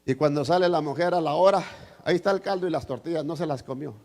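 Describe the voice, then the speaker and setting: A man preaching a sermon in church as pastor, swinging between loud shouted passages and quiet asides, acting out the voices he quotes. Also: fairly high pitch, quick pace.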